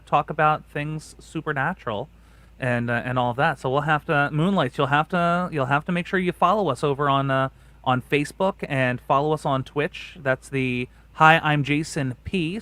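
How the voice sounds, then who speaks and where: Rambling co-host with dry sound. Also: male voice, a little high, bright, forceful tone, no echo. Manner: rambling, many fillers and restarts. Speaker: podcast co-host. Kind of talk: casual chat with channel plugs.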